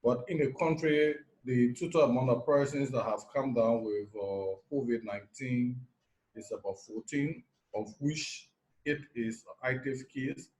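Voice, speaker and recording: A man from Liberia, a nurse anesthetist, giving measured factual answers with pauses and fillers in a video call interview. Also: mid-range voice, darkish tone, rough recording.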